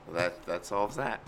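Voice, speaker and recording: Bright-voiced man, flustered and animated. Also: deep voice, slight background noise. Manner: flustered, swears and laughs while fiddling with screen share. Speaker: podcast co-host. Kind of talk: casual chat.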